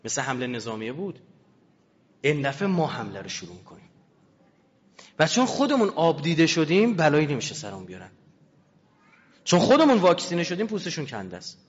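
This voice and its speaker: A fairly high-voiced man lectures an audience with emphasis, firing off rhetorical questions. His voice rings with a long hall reverb, and the recording sounds dull and lo-fi. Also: huge pitch swings, long pauses, slightly rough.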